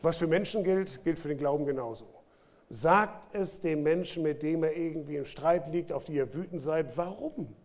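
A man preaching a sermon to his congregation, speaking with lively swings between loud bursts and quiet asides. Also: on the high side, normal speed. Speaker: pastor. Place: church.

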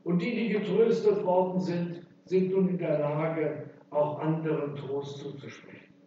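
A man with a high, mellow voice delivers a sermon, drawing his words out slowly and stressing them. He sounds distant from the mic, in a church with heavy echo. The recording is dull and muffled. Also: fairly even intonation, slight background noise. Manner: emphatic, with slow stressed phrases. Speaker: preacher.

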